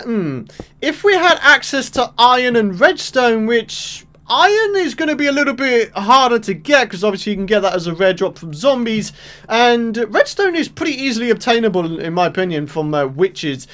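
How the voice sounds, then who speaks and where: A man in his twenties with a British accent, narrating a let's-play game video in a chatty, self-mocking way, in a morning voice that breaks into excited outbursts. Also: high-pitched. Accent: British English. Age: 20s. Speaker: gaming YouTuber. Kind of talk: casual let's-play commentary.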